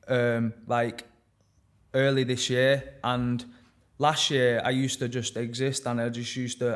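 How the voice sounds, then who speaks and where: A young man talking openly and reflectively as a podcast guest, halting often and swearing casually. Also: mid-range voice. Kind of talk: candid personal conversation.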